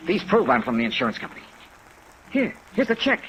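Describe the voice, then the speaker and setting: An actor with an American accent playing a hard-boiled yet kindly insurance investigator in a 1950s radio detective drama, clipped and wry. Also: male voice, fairly high pitch, fairly quick, low-quality recording. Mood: gentle, coaxing. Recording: old 1950s radio recording, rain noise. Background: steady rain sounds.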